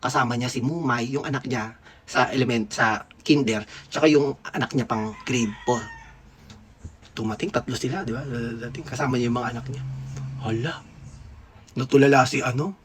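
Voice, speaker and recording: A man's voice: mid-range voice, normal speed, a little hiss or hum. A man in his thirties from the Philippines, a dentist telling a school memory in casual, playful, gossipy storytelling. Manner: gossipy, playful, laughs often. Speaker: dentist vlogger.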